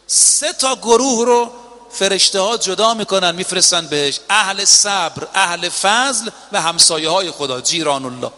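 A man preaching a sermon to a gathering, telling a story and acting out its lines, with drawn-out emphatic phrasing. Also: high-pitched, animated, bright, forceful tone. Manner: impassioned, drawn-out emphatic phrasing with quoted dialogue. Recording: long reverb of a hall.

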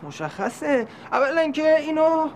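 A flustered young suitor. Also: male voice, very high voice, very animated, slight background noise. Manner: nervous, stammering. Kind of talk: TV series acting.

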